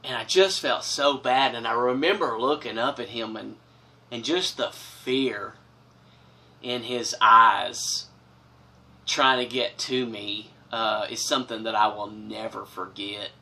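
Recorded by a camera a few feet away, a middle-aged man in a small wood-paneled room tells a personal story in a slow, mid-range voice with vocal fry. As the storyteller host, he is earnest and dramatic, expressive with big gestures.

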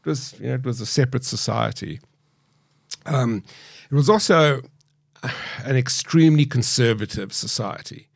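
A man in his late fifties with a mild South African accent, a podcast guest recalling his past in a measured, reflective way with frequent hesitations, recorded on a studio mic. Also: medium pitch, gravelly, slightly rough, dry recording. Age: 50s. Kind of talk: candid interview storytelling. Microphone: studio boom mic.

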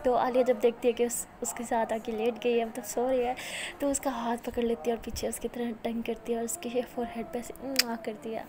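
A woman's voice: fairly high pitch, brisk, noisy background. A young woman with an Indian accent narrating a romantic story, voicing the dialogue of both characters herself. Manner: switches between soft narration and lively voiced dialogue.

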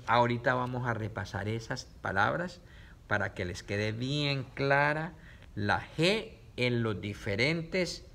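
A camera set up before him records a man helping children read by slowly sounding out syllables and repeating the words. His pitch is medium and his tone a bit bright.

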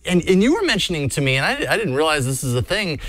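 A man's voice: a little high, very animated, fast, a bit bright, no echo. Curious male co-host, dry sound. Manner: curious, conversational. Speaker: co-host asking questions. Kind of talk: casual interview.

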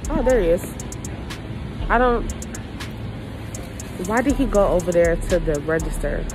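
A woman's voice: lowish voice, animated, unhurried, music in the background. Chatty young woman through a face mask. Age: 20s. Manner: chatty and playful, talking to viewers. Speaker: vlogger. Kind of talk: casual vlog chat. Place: indoor airport shop. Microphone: handheld camera.

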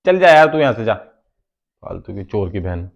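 A man's voice: fairly low pitch, sing-song, a little slow, vocal fry, background noise. A young man arguing at home with his wife. He keeps accusing and brushes her off with needling remarks. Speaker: husband pulling a prank. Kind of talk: heated domestic argument.

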